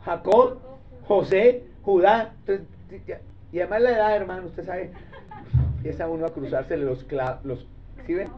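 A man pastor preaching a sermon in a lively, joking way, speaking directly to his congregation. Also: high voice, moderate pace, long pauses. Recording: dull lo-fi recording.

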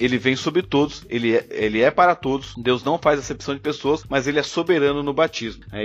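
A man hosting a podcast in a casual theological discussion, affirming the others and laying out his argument step by step. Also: medium pitch. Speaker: podcast host. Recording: slightly dull lo-fi audio.

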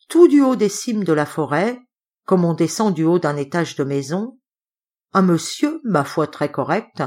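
A woman narrating a classic novel as an audiobook reader, with lively expressive storytelling. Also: lowish voice.

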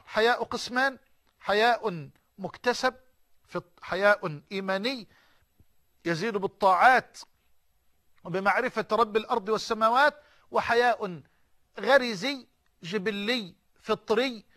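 A man's voice: sits high, measured pace, long pauses, sharp tone. A middle-aged man with an Egyptian accent preaching a sermon, fervent and repeating phrases for emphasis, mixing formal speech with colloquial asides.

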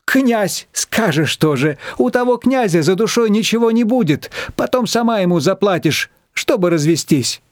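A man's voice: high-pitched, animated, moderate pace, hardly any pauses, dry recording, clean studio sound, pitched above the performer's own voice. A man voicing a worldly, sarcastic woman gossip who speaks in a knowing way.

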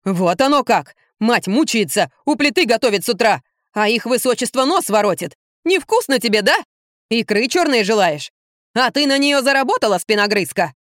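A woman doing a shrill, screaming bully of a mother. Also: fairly quick, no room sound, clean studio sound, natural voice. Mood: scolding. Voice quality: harsh, sharp voice. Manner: yelling and scolding. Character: shrill, bullying middle-aged mother, always furious. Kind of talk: audiobook reading.

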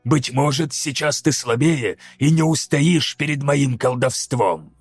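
Мужчина озвучивает древнего двуглавого демона-стервятника: хриплый, медленный, зловеще торжественный, аудиокнига. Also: male voice, mid-range voice, slightly rough, dry recording, soft background music. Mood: grave, ominous. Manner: slow, grave, hissing pronouncements. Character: ancient hunched two-headed vulture demon, solemn.

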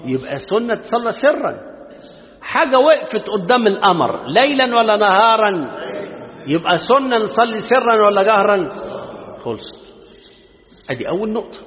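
A man with an Egyptian accent giving a colloquial religious lesson, joking and talking straight to his listeners. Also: high-pitched. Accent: Egyptian Arabic. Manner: lively, joking and addressing listeners directly. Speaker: Islamic scholar teaching a lesson. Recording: tinny lo-fi recording in a reverberant hall.

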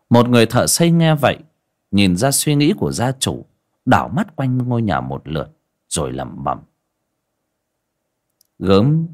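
A man narrates a village folk tale. His pitch swings widely and expressively from line to line. He sits at a middling pitch and jumps into each character's voice. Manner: animated, voicing every character. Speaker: storyteller.

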